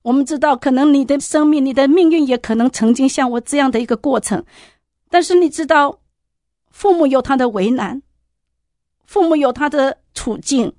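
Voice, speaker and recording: A woman gives an earnest personal testimony, speaking straight to her listeners with fervor. Her voice sits fairly high and is recorded close and dry, with no room around it. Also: moderate pace, darkish tone, dry recording. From Taiwan. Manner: earnest, heartfelt, addresses listeners directly.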